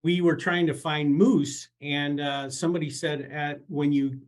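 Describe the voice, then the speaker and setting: A man's voice: fairly high pitch, steady tone, unhurried. A man hosting an interview podcast, asking questions in a friendly, upbeat way. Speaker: podcast host.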